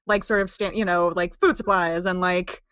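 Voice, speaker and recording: A woman playing a tabletop game, planning moves in casual, halting, slangy chat. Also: on the low side, fairly even intonation, a bit bright, smooth, no room sound, highs cut off.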